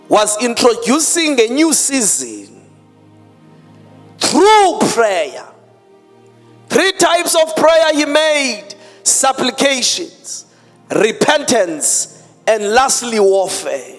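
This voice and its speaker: A pastor preaching into a pulpit microphone, emphatic and drawn out, mixing in Xhosa words. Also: male voice, very high voice, huge pitch swings, drawn-out words, long pauses, fairly bright tone. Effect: speaking into a pulpit microphone. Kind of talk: sermon. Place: church hall. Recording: long hall reverb, faint music behind.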